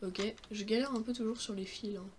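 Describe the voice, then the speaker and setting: A man's voice: sits high, fairly even intonation, fairly quick, slight background noise. A young man giving joking, self-mocking commentary while playing a video game, talking to his viewers. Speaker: gaming streamer. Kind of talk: let's-play commentary.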